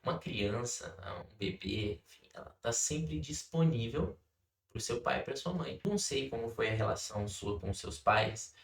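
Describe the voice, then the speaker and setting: A man's voice: mid-range voice, expressive, moderate pace, creaky. A young Brazilian man giving a casual devotional talk from his home office, chatty and full of fillers. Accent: Brazilian Portuguese. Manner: conversational, many fillers, acts out his daughter's words. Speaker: devotional speaker. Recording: roomy echo, distant mic.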